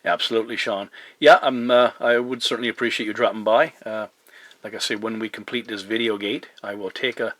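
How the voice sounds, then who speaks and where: A hesitant, polite man talks on CB radio in a dry recording with no echo, his voice on the low side, a bit bright, fairly quick and fairly even. He follows radio protocol in a casual contact chat and spells words in the phonetic alphabet. A CB operator and video maker, he sits at his home radio desk indoors, with a camera pointed at the radio.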